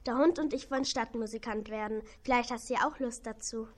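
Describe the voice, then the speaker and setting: A woman's voice: on the high side, brisk, close to an everyday voice. A woman voicing a tired old donkey. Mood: friendly. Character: old worn-out male donkey, gentle and hopeful. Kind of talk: children's audio play.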